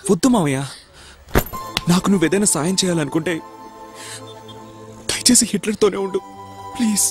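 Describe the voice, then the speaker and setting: A man's voice: sits high, moderate pace. A young man playing an earnest nephew, pleading in dubbed film dialogue. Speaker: young nephew leaving home. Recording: dubbed film audio with music behind.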